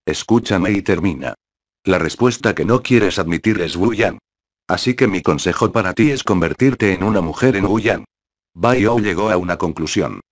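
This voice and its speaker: A man narrating a translated web novel in an even, unbroken reading voice. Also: sits low, moderate pace, no room sound, studio quality.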